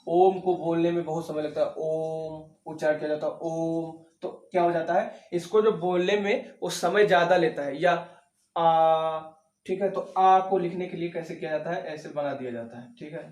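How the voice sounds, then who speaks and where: A man's voice: fairly high pitch, steady tone, brisk, hardly any pauses, darkish tone. Guy teaching exam prep grammar, asks then answers himself, keeps saying okay, echoey room. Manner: repeats questions and answers them himself, says "theek hai" often. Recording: echoey room, mic at a distance.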